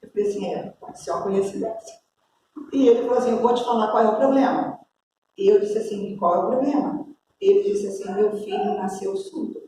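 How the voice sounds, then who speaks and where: A woman's voice: medium pitch, brisk. Brazilian lady pastor telling a story in her sermon, acts out the dialogue, bit of background hiss. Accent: Brazilian Portuguese. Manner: lively storytelling, acting out dialogue. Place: church hall. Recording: echoey church hall, distant mic.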